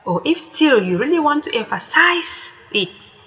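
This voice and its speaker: A woman teaching a language lesson, saying each word slowly and deliberately and repeating it twice before explaining it. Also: high-pitched, very animated, fairly bright tone. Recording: echoey room with long reverb.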